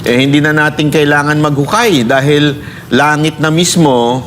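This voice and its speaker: A man giving online political commentary in a halting way, with frequent fillers. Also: on the high side, fairly bright tone, slight background noise. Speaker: political vlogger.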